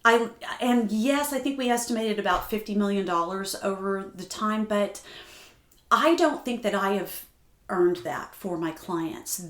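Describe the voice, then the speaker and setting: A woman guest from Oklahoma, telling a family story and talking about her work as a grant writer in an animated, heartfelt way. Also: medium pitch, unhurried, roomy sound. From Tulsa, Oklahoma. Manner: animated, heartfelt, laughs easily. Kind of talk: conversational storytelling.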